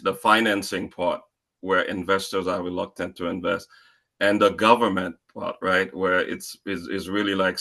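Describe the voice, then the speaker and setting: A man's voice: low voice, creaky, fairly bright tone. A middle-aged man from Haiti, asking a panel speaker a long question in a conversational way, with many fillers and restarts. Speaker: audience member asking a question.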